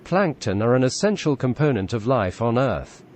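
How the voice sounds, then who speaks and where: A synthetic male text-to-speech voice with a British accent, reading text aloud in an even, measured way. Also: mid-range voice, a little hiss or hum. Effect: synthetic text-to-speech computer voice.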